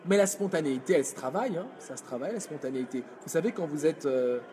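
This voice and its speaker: High-voiced energetic male speaking coach. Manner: energetic, demonstrative, reads chat comments aloud. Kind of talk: live video workshop lesson.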